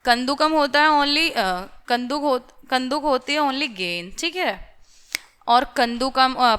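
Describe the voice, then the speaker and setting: Slow, bright-voiced woman teacher. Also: a little high, clean tone. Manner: spells out each word, repeats it and asks "theek hai"; mixes in English words. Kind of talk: slow vocabulary lesson for young children.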